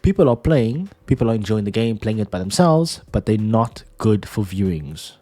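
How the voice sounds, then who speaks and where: A streamer battling a sinus cold chats jokingly and easygoingly about games, his voice nasal and congested as he calls people "dude" and "bro." He's very animated, speaking at normal speed in a lowish, warm voice.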